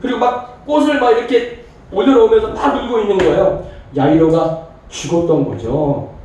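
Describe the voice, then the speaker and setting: A male pastor with a high, mellow voice preaches to his congregation and acts out the people in his story. He is heard from a distance in a very echoey church hall. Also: normal speed, slight background noise. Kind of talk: sermon. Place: church sanctuary.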